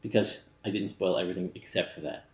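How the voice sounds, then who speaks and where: A man's voice: low voice, quick pace. A man reviewing a movie in casual banter, talking in a loose, rambling, tipsy way. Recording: roomy, echoey sound.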